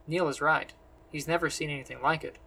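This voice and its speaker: Husky male storyteller. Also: a little high, steady tone, bright, forceful tone, rough recording. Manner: measured, descriptive storytelling. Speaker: narrator. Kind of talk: scripted fantasy audiobook narration.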